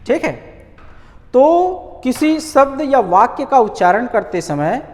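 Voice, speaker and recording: Man teaching grammar, lively pitch, echoey. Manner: asks rhetorical questions and answers them himself; repeats key words slowly for emphasis. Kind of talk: online grammar lesson.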